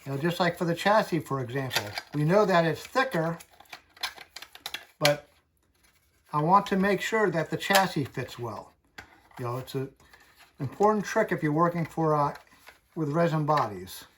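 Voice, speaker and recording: A man hosting a hobby channel, talking through a casual tutorial in a chatty, folksy, unhurried way. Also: fairly high pitch, expressive, background noise.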